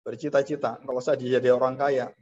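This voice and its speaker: A brisk, animated male pastor preaches, going up high in voice to play frightened people and down low to stress solemn ideas. The sound quality is dull and lo-fi.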